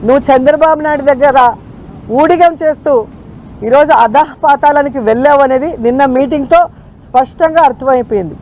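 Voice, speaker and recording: A woman minister giving press remarks slowly and deliberately, in a scolding manner. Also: sits high, darkish tone, a little hiss or hum, low-quality recording.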